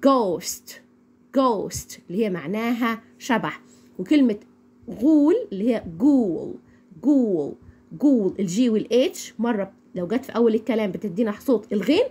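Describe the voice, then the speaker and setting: Woman, Egyptian accent, phonics teacher, lively up-and-down pitch, slightly husky, repeats words slowly. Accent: Egyptian Arabic. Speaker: English teacher. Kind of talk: phonics lesson.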